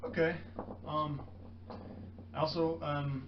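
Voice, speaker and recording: A man's voice: fairly high pitch, flat delivery, slow pace, highs cut off, background noise. Man playing a tabletop game in an echoey room. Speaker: player. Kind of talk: casual tabletop game chat.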